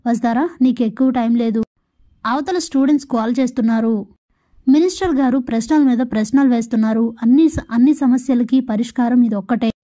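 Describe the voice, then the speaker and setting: A woman's voice: a little high, brisk, warm tone, close to an everyday voice. A woman voicing a scheming, ambitious young man in a plain retelling voice. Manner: plain retelling voice, barely acted.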